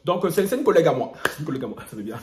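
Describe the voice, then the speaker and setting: A man hosting a gossip vlog, dramatic and chatty, with sing-song catchphrases and his own laughter running through the talk. His voice sits a little high and swoops all over the place. The room gives it a noticeable echo. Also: big pitch swings, rapid-fire, a little mellow, a little hiss or hum. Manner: theatrical, sing-song asides and repeated catchphrases. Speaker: YouTuber.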